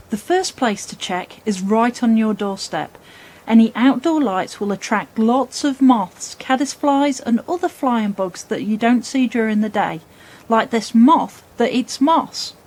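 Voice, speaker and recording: A woman presenting scripted nature narration for children in a playful, expressive storytelling way. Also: on the high side, unhurried.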